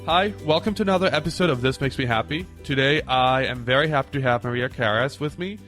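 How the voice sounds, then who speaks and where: A man's voice: mid-range voice, fast, fairly bright tone, faint music behind. A man in his thirties hosting a podcast, friendly and playful with his guest. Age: 30s. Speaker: podcast host. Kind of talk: casual podcast interview.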